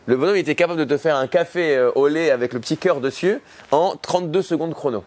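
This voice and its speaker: A man's voice: fairly high pitch, fast, a little mellow, a little hiss or hum. A man, a rabbi, giving an informal conference talk to an audience, telling stories and acting out the people he quotes. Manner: informal, storytelling, acts out voices in quotes.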